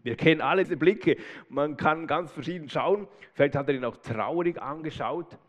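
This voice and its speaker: A man preaching a sermon in a lively, conversational way with casual asides. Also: on the high side, moderate pace. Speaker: pastor. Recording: long hall reverb.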